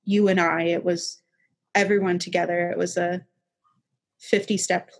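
A woman's voice: on the low side, level tone, normal speed. A young woman talking as a podcast guest in a casual chat, reflective and rambling, with many restarts.

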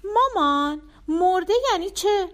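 A woman's voice: very high-pitched, a bit bright, pitched above the performer's own voice. A woman voicing an eager little boy. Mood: childlike. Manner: eager, questioning child talk. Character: small boy, curious and innocent.

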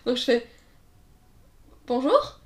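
A woman's voice: sits high, big pitch swings, slow pace. A woman telling casual anecdotes in a chat, acting out quotes and laughing along. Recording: roomy echo.

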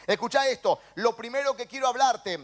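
A male pastor with a Rioplatense Spanish accent, preaching a sermon with passion and rising to shouts. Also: extremely high pitch, a little fast. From Argentina.

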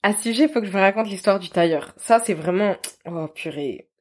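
Lively woman narrating a podcast. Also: medium pitch, quick pace. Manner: lively, self-mocking, laughs often. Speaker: podcast host.

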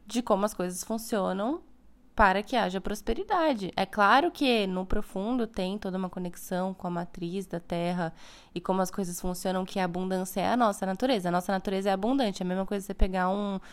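A woman's voice: mid-range voice, a little fast. Chatty Brazilian woman vlogging. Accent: Brazilian Portuguese. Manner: chatty and playful, frequent "né?" asides. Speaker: spiritual content creator. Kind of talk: casual spiritual vlog monologue.

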